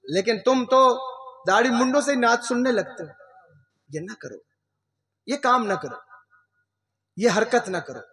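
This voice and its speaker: High-pitched, fervent male preacher. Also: animated, long pauses, a bit bright, reverberant. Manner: impassioned, rhetorical questions to the crowd, frequent exclamations. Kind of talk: religious sermon.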